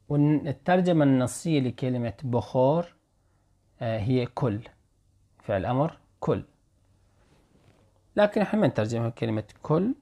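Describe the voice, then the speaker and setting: Male language teacher, Iraqi Arabic accent, patient, repeats examples slowly. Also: mid-range voice, darkish tone. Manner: slow careful repetition of example phrases. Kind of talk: explaining Persian phrases in Arabic.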